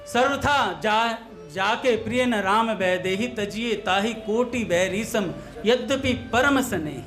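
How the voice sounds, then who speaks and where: A man's voice: sits high, fairly bright tone. A man giving a devotional talk in a storytelling manner, mixing everyday anecdotes with a funny tale of lisping brothers. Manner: storytelling, mimics lisping voices for comic effect. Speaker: satsang speaker.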